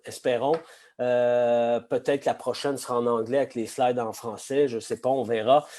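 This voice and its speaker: A middle-aged man with a Québécois accent, slightly hoarse today, presenting an online masterclass over a video call in a chatty way full of hesitations and asides. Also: medium pitch, dark tone. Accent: Québécois French. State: slightly hoarse, frog in the throat. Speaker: sake expert giving a masterclass.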